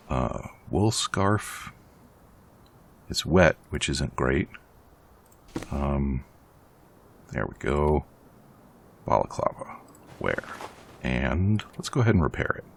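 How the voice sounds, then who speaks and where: A man with a very deep, gravelly voice chats his way through a survival game as host of his own let's play. He rambles and pokes fun at himself as he plays. A faint hiss sits under the recording. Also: very animated, drawn-out words, pauses often. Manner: chatty, rambling, self-deprecating. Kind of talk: casual game commentary.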